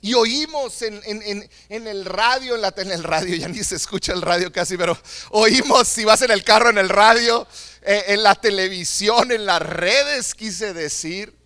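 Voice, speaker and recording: A man delivers a sermon in an unhurried, deliberate rhythm. His voice sits high for a man and rings bright and forward. He preaches earnestly, repeating phrases to drive each point home. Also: no echo, clean studio sound. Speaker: pastor.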